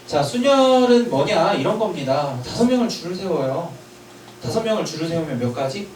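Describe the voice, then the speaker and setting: A man teaching a math lecture, drilling students with quick checking questions and an emphatic, sometimes scolding manner. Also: fairly high pitch, lively intonation, crowd noise. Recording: echoey room with distant mic.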